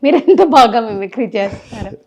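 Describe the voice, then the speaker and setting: A woman's voice: a little high, lively intonation, normal speed, a little mellow. A woman interviewing a guest, encouraging him with short acknowledgements and questions. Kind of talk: casual interview. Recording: slightly dull, lo-fi sound.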